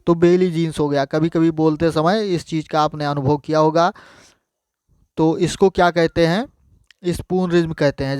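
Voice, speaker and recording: Male teacher, fairly high, crisp tone, dry close mic, repetitive explainer for exam prep. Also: darkish tone, no room sound. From India. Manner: explains each point by repeating it in Hindi, addresses viewers as friends.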